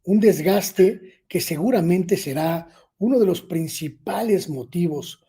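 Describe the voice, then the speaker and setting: A man, a guest journalist giving measured, emphatic political commentary with filler pauses. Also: high voice, expressive, warm tone, husky. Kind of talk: political commentary in an online interview.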